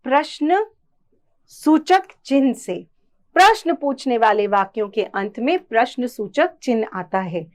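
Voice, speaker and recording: A woman teaching a children's grammar lesson, her voice a little high and swinging widely in pitch. She speaks slowly and patiently, explaining with examples and putting questions to the class. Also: lively intonation.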